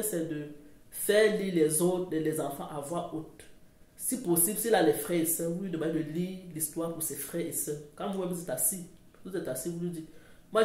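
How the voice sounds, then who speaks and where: A woman's voice: lowish voice, a little mellow. A woman talking casually to camera about parenting, chatty and rambling, often correcting herself. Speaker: parenting vlogger. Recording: roomy echo.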